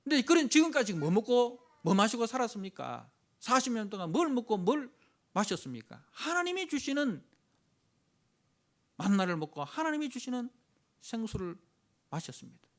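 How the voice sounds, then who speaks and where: A male pastor preaches a sermon in a very high-pitched voice with big pitch swings at normal speed. He is emphatic, dramatically imitates the complainers he is preaching about, and keeps punctuating phrases with short affirming "yes" interjections.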